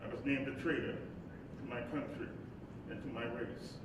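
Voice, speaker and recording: This male actor gives a steady, everyday-sounding voice at a normal pace to a weary, embattled civil rights leader and husband. Troubled and reflective, he speaks emphatically like an orator and stammers in distressed moments, across both monologue and dialogue. The recording comes from a live staged reading in an echoey hall, with a far-off mic and rumbly noise.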